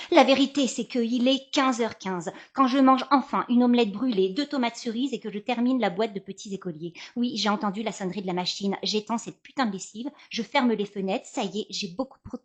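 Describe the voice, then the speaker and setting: A woman performing a lively monologue as a podcast columnist, acting out a hectic day with her children. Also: mid-range voice. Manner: theatrical, switching between narration and acted dialogue. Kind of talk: acted monologue about a mother's day.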